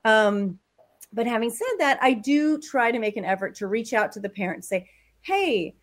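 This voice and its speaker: A woman guest on a podcast, chatting casually and telling animated stories about her kids. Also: on the high side, a little fast. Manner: animated storyteller, acts out voices. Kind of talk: casual chat.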